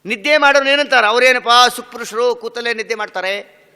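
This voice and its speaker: A swami gives a devotional discourse in a very bright, high voice. He tells the story by asking questions and answering them himself, and sometimes breaks into song. His voice is smooth and resonant, with a long reverb from the hall. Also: fast. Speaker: swami giving a religious discourse. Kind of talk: devotional discourse with sung verses.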